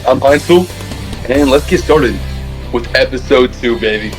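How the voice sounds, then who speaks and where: A young man, co-host of a casual fan podcast, talking excitedly with many restarts, recorded on a phone with low-quality stream audio. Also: measured pace, faint music behind. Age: young adult.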